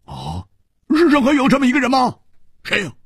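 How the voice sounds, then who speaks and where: Guy doing a loud excitable swordsman, high and fast, stammers a lot, husky. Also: no echo, studio quality, heavily acted. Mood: amazed. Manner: loud, stammering, rapid bursts. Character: brash excitable young male swordsman.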